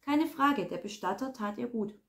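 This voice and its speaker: A woman reading a crime novel aloud in a calm, even narrating voice. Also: fairly high pitch, moderate pace. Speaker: reader.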